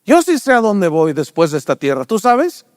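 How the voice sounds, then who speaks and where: An older pastor preaches a sermon at a moderate pace, asking the congregation rhetorical questions and telling stories with animated flair. He acts out characters by raising his pitch. The studio sound is clean with no echo.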